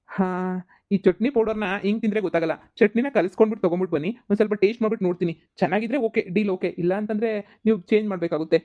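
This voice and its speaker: A strict young businessman, voiced for a cartoon, who rattles off quick, lecturing lines and keeps asking "okay?". His mid-pitched voice comes through dull, lo-fi audio. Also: close to an everyday voice. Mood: businesslike. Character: strict young male businessman judging products. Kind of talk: cartoon voice acting.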